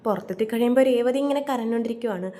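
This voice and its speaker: A woman's voice: on the high side, mellow. A woman chattily retelling a TV serial episode as a storyteller. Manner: rapid, chatty plot retelling.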